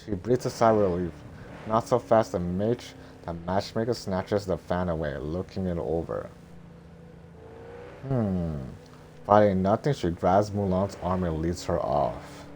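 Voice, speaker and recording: A man reading a script aloud in a boring, droning, deadpan monotone, with faint noise behind him. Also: sits low, measured pace. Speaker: reader of screenplay.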